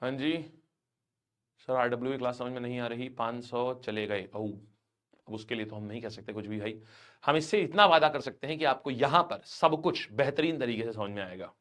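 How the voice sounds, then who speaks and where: A man's voice: medium pitch, moderate pace, a bit bright. Playful man teaching an exam class. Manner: playful storyteller who acts out quotes; affectionate, calls students "brother" and "child". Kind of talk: online exam-prep lecture.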